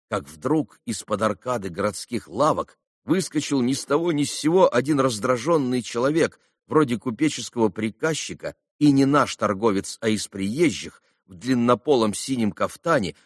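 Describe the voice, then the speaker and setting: Animated male audiobook narrator. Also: on the low side, dry recording, studio quality. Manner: animated, theatrical.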